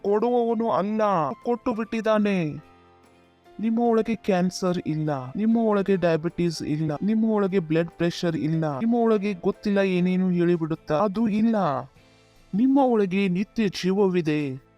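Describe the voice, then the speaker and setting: A man's voice: sits high, a little slow, mellow, dull audio, soft background music. A male pastor preaching a sermon, often calling out "Praise the Lord" and asking the congregation to repeat after him.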